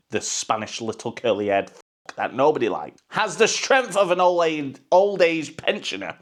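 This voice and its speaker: A man rants about his club in a blunt, profane, casual stream of talk. He mocks freely and chuckles at his own crude jokes, at a middling pitch for a man. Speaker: football fan channel host. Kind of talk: profane, ranting casual commentary.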